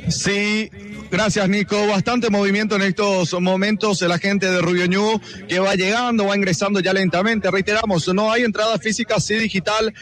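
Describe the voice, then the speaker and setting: A man's voice: high voice, fairly even intonation, fairly bright tone, faint music behind. A man, a radio field reporter describing the scene outside a stadium live. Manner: brisk, on-the-spot description.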